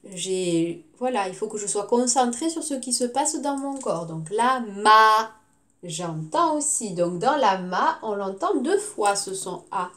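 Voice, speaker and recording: A woman's voice: medium pitch, lively intonation. A woman teacher giving a recorded phonics lesson to young children, sounding out words syllable by syllable. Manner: slow, clearly articulated syllables.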